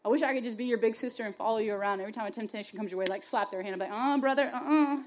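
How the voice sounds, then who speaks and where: A woman's voice: mid-range voice, steady tone, racing, a crowd in the background. A young adult woman giving a passionate, conversational sermon to a youth gathering, chatty and full of "like" and "y'all". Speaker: speaker at a youth faith gathering.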